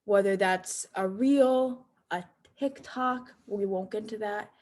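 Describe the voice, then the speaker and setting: A woman's voice: mid-range voice, slow, darkish tone. American woman giving an informal training talk. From Cape Cod, United States. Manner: conversational, checks in with listeners. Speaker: direct sales consultant presenting.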